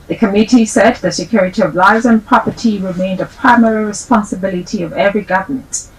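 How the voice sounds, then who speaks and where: Female news anchor, formal measured read, mid-pitched voice. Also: a little hiss or hum, rough recording. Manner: formal, measured headline delivery. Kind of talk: news reading.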